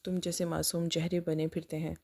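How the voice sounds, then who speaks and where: Woman doing a bossy sister-in-law, sharp and mocking, low mellow voice. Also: level tone, gravelly. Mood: scornful. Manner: sharp and taunting. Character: scornful domineering sister-in-law, adult woman.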